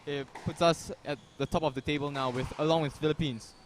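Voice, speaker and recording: A young man giving relaxed, chatty live commentary on a squash match. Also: fairly high pitch, a little fast, slight background noise. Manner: relaxed, chatty, says "man" and "you never know". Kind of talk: casual live sports commentary.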